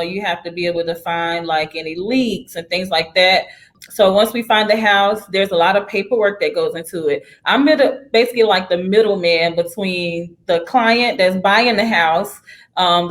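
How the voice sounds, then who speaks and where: A young woman realtor in a casual career interview, talking in an upbeat, chatty way and laughing often. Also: medium pitch. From United States.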